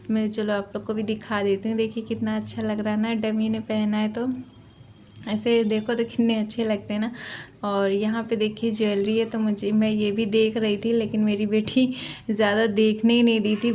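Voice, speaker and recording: A mother who vlogs narrates her trip to the mall over shopping footage, chatty and repetitive, often tacking tag questions onto her phrases. Her medium-pitched voice has a darkish tone, with slight background noise.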